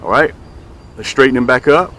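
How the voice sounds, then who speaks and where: Speaking at normal speed in a mid-range, slightly bright voice, a man hosts a fishing show outdoors. He chats excitedly, repeating his phrases for emphasis while demonstrating and selling tackle.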